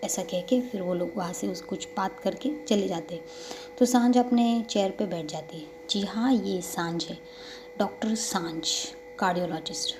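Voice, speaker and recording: A woman's voice: mid-range voice, moderate pace, a little mellow, a little hiss or hum. A woman narrating a love story in a casual, conversational storytelling way. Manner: conversational retelling, frequent "to ... kehti".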